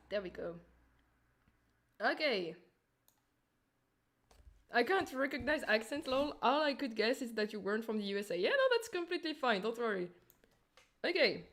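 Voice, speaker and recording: A woman's voice: on the high side, a bit bright. A woman with a Turkish accent chatting informally to her viewers on a livestream as a streamer and animator. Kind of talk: casual livestream chat and explanation.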